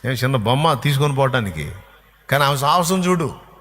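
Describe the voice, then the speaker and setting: A man's voice: medium pitch, animated, moderate pace, a bit bright. A male pastor preaching a sermon, emphatic and repetitive as he drives each point home. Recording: long hall reverb.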